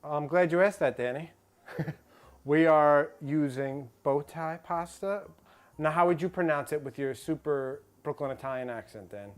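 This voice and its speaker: A man's voice: fairly high pitch, moderate pace, smooth. Stammering, joking male cooking-show host. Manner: joking, stammers and repeats words. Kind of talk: live cooking show chat.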